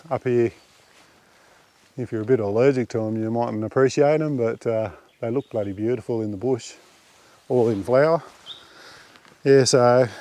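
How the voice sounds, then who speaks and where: Australian man chatting on a bush walk. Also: mid-range voice. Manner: relaxed, rambling, many fillers. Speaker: camping vlogger. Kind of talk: casual walking commentary. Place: outdoors on a bush hiking track.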